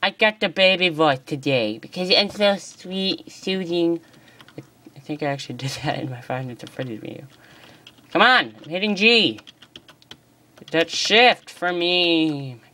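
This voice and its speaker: A gaming channel host from the United States chats excitably through a casual gameplay tutorial, joking about their own stumbles at a measured pace. Their voice is mid-pitched, keyboard clicks surface now and then, and a phone filming a computer screen captures the sound.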